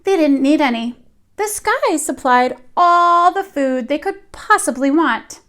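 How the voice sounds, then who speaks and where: Like a teacher at storytime, a high-voiced woman reads a picture book to young children, shaping each phrase deliberately. Her delivery is expressive with a fairly bright tone.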